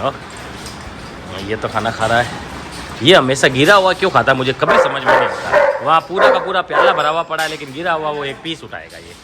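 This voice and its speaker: Hoarse male dog trainer, middle pitch, outdoor vlog recording, barking dogs clearly heard behind him. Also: background noise. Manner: sharp loud commands to dogs between calm explanation. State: hoarse from a sore throat. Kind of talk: casual vlog narration while handling dogs.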